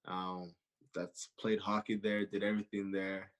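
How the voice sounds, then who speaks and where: Low-voiced and unhurried, the man speaks with a flat delivery during a casual interview chat. He's a Canadian podcast guest in his twenties who keeps repeating phrases and leaning on "you know."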